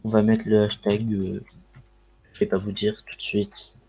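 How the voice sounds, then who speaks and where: A man's voice: lowish voice, flat delivery, measured pace, gravelly, breathy edge, dull audio. A man with a Ch'ti accent chatting casually on a livestream through a headset mic, rambling with lots of fillers and slang. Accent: Ch'ti (northern French). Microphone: headset microphone.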